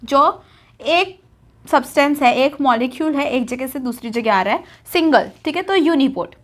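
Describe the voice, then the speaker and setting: A woman's voice: sits high, lively intonation, normal speed, a bit bright. A young woman teaching a biology lesson at a whiteboard, chatty and repetitive, asking questions and answering them herself. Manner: chatty, repeats key terms, asks and answers herself.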